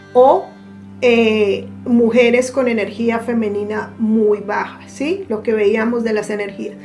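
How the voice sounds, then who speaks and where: A woman giving a reflective spiritual teaching, speaking deliberately and stretching key words for emphasis. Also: on the high side, mellow.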